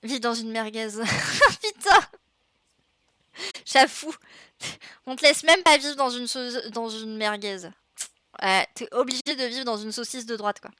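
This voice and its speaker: Bright-voiced chatty woman streamer. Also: a little high, a little slow, no room sound. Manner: chatty and rambling, with frequent fillers and laughs; reads game dialogue aloud while playing. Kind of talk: casual gaming livestream chat.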